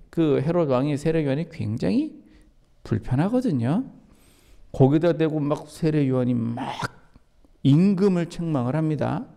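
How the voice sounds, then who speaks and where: A man's voice: fairly high pitch, gravelly, warm tone. A male pastor preaching a sermon in a conversational, emphatic way, often asking the congregation questions and answering them himself. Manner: asks and answers rhetorical questions.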